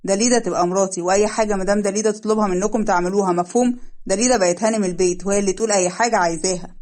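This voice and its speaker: A commanding young husband in a wheelchair who lays down the law in his house and shields his wife from anyone who threatens her. A woman reading an Egyptian storybook acts him out, rattling through his lines at a very fast clip with a firm, stern Egyptian delivery. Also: medium pitch, fairly even intonation, darkish tone, close to an everyday voice.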